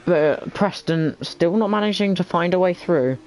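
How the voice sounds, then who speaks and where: A man giving casual lead commentary on an online racing league, sometimes halting as he thinks aloud between calls. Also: sits high, a little mellow, low-quality recording. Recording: faint background noise.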